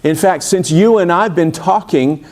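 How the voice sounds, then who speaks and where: A man putting on Moses, a high whiny reluctant prophet. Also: a little slow, darkish tone. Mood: reluctant, accusing.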